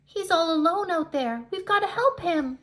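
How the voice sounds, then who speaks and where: Lady doing a brave kind boy fish from a storybook, worried n urgent, high n loud. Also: expressive, normal speed. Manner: urgent, earnest, emphatic.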